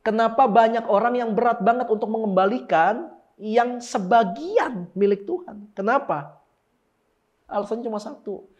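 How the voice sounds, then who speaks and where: High-voiced animated male preacher. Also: moderate pace. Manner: lively, animated, talks with the congregation. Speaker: pastor. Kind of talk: casual sermon with live demonstration. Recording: dull lo-fi sound.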